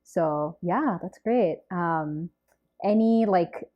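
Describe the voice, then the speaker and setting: A woman's voice: fairly low pitch, extremely slow, lo-fi sound. A woman hosting an interview, asking curious questions and affirming her guest often. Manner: curious, supportive, frequent affirmations. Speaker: podcast host. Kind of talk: casual interview conversation.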